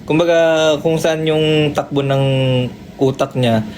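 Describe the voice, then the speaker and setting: A man with a high voice and a Filipino accent talks to viewers on a live stream. He reads their greetings aloud and offers friendly advice in a casual tone. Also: fairly even intonation, a little slow, a little mellow, slight background noise. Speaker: livestream co-host.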